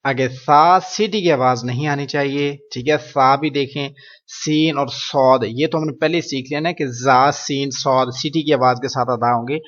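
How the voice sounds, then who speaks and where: A man's voice: medium pitch, fairly even intonation. Man teaching letter sounds, lo-fi. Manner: models letter sounds slowly and loudly, then explains. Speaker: Quran reading teacher. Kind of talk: teaching Arabic letter pronunciation.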